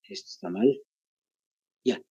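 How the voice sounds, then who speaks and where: A man with a Bolivian Spanish accent teaching a grammar lesson, slowly repeating phrases so students can take notes. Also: mellow, dry recording, muffled recording.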